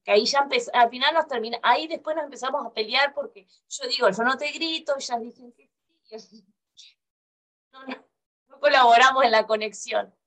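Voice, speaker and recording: Woman in a parenting group, kinda high voice, stumbles and repeats herself a lot. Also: fairly quick, pauses often, a bit bright. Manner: hesitant, repeats words while searching. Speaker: group participant. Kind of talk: reflective group discussion.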